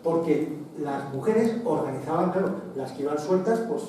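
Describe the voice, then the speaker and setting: A man's voice: a little high, expressive, normal speed, warm tone. Male lecturer, chatty and digressive, heard from afar in a reverberant hall. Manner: conversational, digressive, frequent restarts and asides. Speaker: lecturer on military history. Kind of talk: public lecture with slides. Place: association meeting hall, indoors. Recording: echoey hall, distant mic, faint noise.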